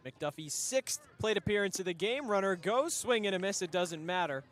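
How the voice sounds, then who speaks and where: A man calling baseball play-by-play, brisk and chatty, bantering with his booth partner. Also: high-pitched, expressive, fairly bright tone. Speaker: play-by-play announcer.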